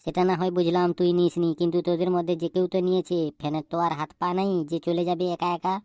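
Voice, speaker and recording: Cartoon teacher, male, stern and threatening; woman voices him low, dark and fast, flat delivery. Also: no room sound, clean studio sound, close to an everyday voice. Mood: scolding. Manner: threatening, interrogating, quick-talking. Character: stern, scolding male schoolteacher. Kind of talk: cartoon voice acting.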